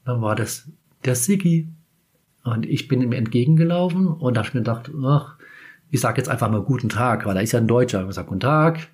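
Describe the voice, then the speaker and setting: A podcast host from Kaiserslautern in Germany, telling a personal anecdote in a relaxed, rambling way. His voice is somewhat husky and sits at an ordinary middle pitch for a man. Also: a little fast. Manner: chatty, meandering, self-correcting. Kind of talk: casual storytelling anecdote.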